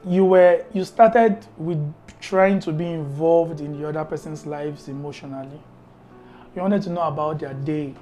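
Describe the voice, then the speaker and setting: Marriage podcast host, mid-pitched, preachy and emphatic, heavy on repetition and rhetorical questions. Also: moderate pace, mellow, faint music behind. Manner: emphatic, repeats key words. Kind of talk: faith-based marriage advice talk.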